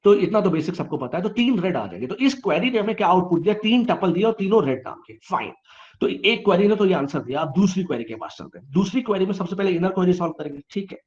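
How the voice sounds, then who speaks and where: A man tutoring a live online class, asking questions and answering them himself, teasing students to reply quickly. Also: high voice, sing-song, darkish tone, dull audio.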